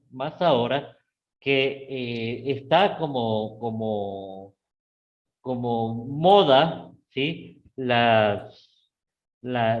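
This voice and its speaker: A middle-aged man with an Ecuadorian Spanish accent teaching a live class, often checking in with his students and rising sharply in pitch on key words. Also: lo-fi sound. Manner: repeats "¿sí?" and "¿no es cierto?" to check on students; lively, with sudden rises in pitch.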